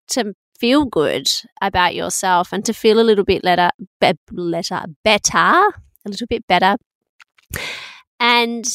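A woman's voice: medium pitch, a bit bright, no room sound. A middle-aged woman hosting a podcast alone, talking frankly, swearing freely and laughing at herself. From Australia. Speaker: podcast host. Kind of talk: casual solo podcast monologue.

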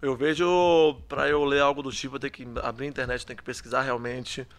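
Young guy, footballer guest, rapid and chatty, mid-pitched. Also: little pitch movement. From Salvador, Bahia, Brazil. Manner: talkative, often tags questions on and restarts phrases. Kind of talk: casual interview answers.

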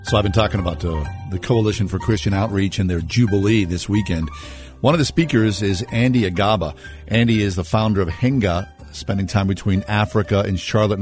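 A man hosting a radio talk show, introducing a guest and asking questions in a friendly, steady way. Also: on the low side. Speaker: radio host. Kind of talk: radio interview.

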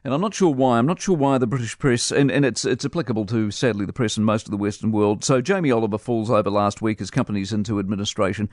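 A man's voice: on the low side, fast, hardly any pauses, darkish tone, dry recording, studio quality. A man hosting a radio show, giving blunt, scornful opinion commentary. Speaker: radio host. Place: radio studio.

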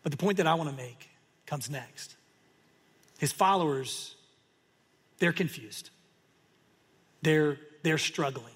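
A male pastor preaching a sermon, telling the story with animated storytelling and acting out the voices of the crowd. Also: fairly high pitch, slow pace, long pauses, breathy edge, in a large hall.

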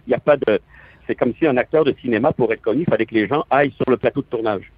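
Husky man with a Quebec accent on the phone. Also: medium pitch, fast, dry recording. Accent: Quebec French. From southern France. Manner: hesitant, reflective, many restarts. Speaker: stage actor, guest. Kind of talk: phone-in radio interview. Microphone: telephone. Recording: tinny phone line.

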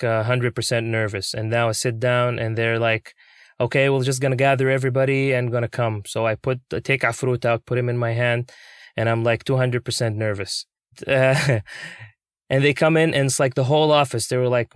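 A young man, a puppeteer, telling his story in an interview, earnest and excitable. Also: mid-range voice, normal speed, smooth, no room sound, clean studio sound. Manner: earnest, excitable, many fillers.

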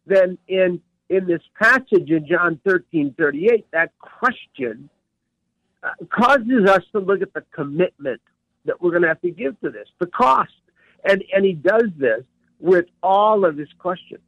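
Slow, emphatic male guest coach. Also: high-pitched, animated, no echo, muffled recording. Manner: emphatic, repeats key words. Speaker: professional coach and ministry director, guest. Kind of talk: radio interview, teaching.

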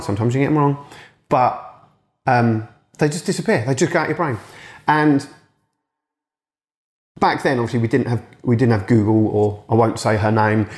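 A man's voice: medium pitch, a little mellow, roomy sound. A man in his late thirties, a boxing coach, talking frankly in a casual monologue and swearing now and then. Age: late 30s. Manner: frank and chatty, swears, acts out remembered exchanges.

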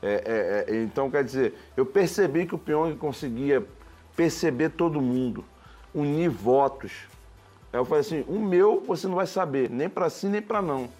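A man in his forties recounts events in an animated interview, voice sitting a little high. He talks emphatically, stumbles and restarts, and acts out the quotes he tells. Faint music plays behind him. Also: normal speed. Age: 40s. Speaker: former reality show contestant.

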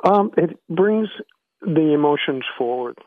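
A man giving reflective interview answers in halting, measured phrases over a narrow phone line. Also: fairly high pitch, lively intonation, no echo. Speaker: interview guest, author. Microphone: phone call.

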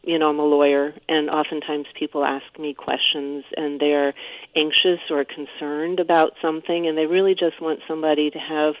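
A woman's voice: sits low, little pitch movement, moderate pace, no echo. A woman calling in to a radio show over the phone, speaking hesitantly with many fillers and restarts. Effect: heard over a phone line. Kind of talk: call-in radio conversation. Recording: tinny phone line.

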